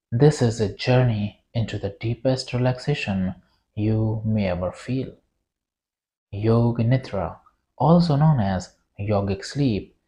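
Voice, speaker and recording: Soothing and deliberate, a meditation guide leads a yoga nidra relaxation, leaving long pauses between short phrases. The voice sits in the mid range with a dark tone.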